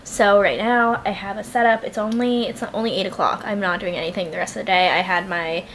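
A woman in her twenties with a sore throat and a congested cold, chatting casually to camera in a vlog and talking quietly to spare her throat. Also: medium pitch, steady tone, fairly quick, a little hiss or hum. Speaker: lifestyle vlogger. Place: apartment in New York, then out around the city.

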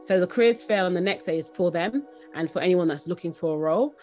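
Soft music runs beneath this young adult woman's fast, fairly low-pitched voice, which has a darkish tone. As a company founder interviewed over a video call, she's conversational and excited, often repeating words for emphasis.

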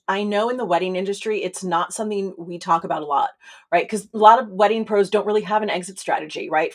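Chatty woman podcast host. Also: medium pitch. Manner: chatty, tags sentences with "right?" and "you know". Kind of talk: podcast interview conversation.

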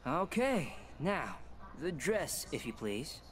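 A man's voice: fairly high pitch, sing-song, slow pace, fairly bright tone, a little hiss or hum, heavily acted. An actor playing an awkward, apologetic young man in a video game, hesitant and stammering. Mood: polite.

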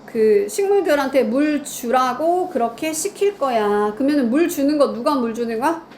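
High-voiced woman quizzing students. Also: expressive, moderate pace, darkish tone, slight background noise. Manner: quizzing, answers own questions. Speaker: English grammar teacher. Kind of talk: online lecture to students.

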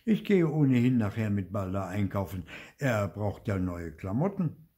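A man's voice: fairly low pitch, very animated, moderate pace, warm tone. An older man voicing a firm mother who scolds her son in a storybook reading.

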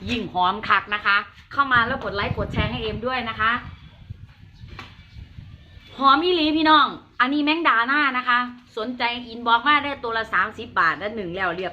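A woman with a bright, forceful and rather high voice sells live in an Isan accent. She pitches with hype, repeating herself and chatting to viewers in a folksy manner, with some noise behind her. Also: dull audio. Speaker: live-stream seller of chillies and farm produce. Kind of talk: hyped live selling patter.

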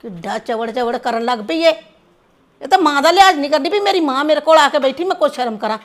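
A middle-aged woman playing a mother who scolds her daughter-in-law in an amateur family drama, with a high voice. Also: animated, brisk. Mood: reproachful. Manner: firm, reproachful. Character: firm mother-in-law who takes no sides.

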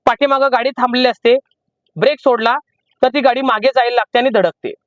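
A man with a strikingly high voice and a Marathi accent gives a driving lesson from the seat of his car. He drags out key steps and repeats them patiently. The sound is close and dry, a little dull and muffled. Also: fairly even intonation, a bit bright, no echo. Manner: repetitive, slow emphatic teaching. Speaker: driving instructor. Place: inside a parked car. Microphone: camera in the car.

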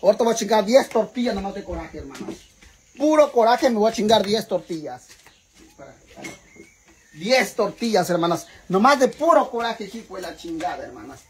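A man's voice: high-pitched, big pitch swings, normal speed, low-quality recording. A man doing a casual vlog rant to his followers, theatrical and profane, eating while he talks. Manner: theatrical, profane, mock-indignant, keeps calling viewers "sisters"; eating on camera while talking. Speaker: vlogger.

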